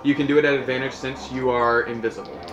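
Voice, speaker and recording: A man's voice: mid-range voice, steady tone, quick pace, lo-fi sound. A man improvising narration and rulings as the game master of a tabletop role-playing game. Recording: echoey room, loud music behind.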